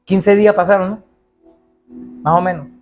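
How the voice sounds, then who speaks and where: A man preaching a sermon as pastor in a church, animated and acting out the voices of people he quotes. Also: sits high, normal speed, soft background music.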